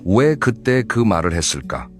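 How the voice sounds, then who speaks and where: A deep-voiced man narrates a scripted advice talk. He speaks in a steady, measured and instructive way. Faint music plays softly behind him.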